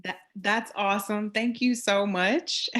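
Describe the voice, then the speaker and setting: A woman's voice: mid-range voice, steady tone, takes it slowly. A woman hosting an interview over a video call, encouraging her guest with plenty of um's. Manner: warm, encouraging, fillers. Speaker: interviewer host.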